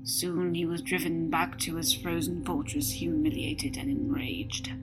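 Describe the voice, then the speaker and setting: A woman storyteller giving a scripted narration with a soft, dramatic delivery that often drops to a whisper. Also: on the low side, level tone, unhurried, poor audio. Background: music.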